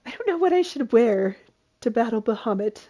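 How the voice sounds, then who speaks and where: A woman's voice: fairly high pitch, very animated, a little fast, mellow, poor audio. A woman streaming a video game, chatting with her audience and laughing often in delight. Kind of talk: live game commentary.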